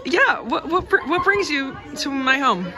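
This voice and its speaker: A woman's voice: sits high, sing-song, measured pace, over music. A young woman vlogging backstage, teasing and giggling as she interviews castmates. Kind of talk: casual chat. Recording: noisy crowd around.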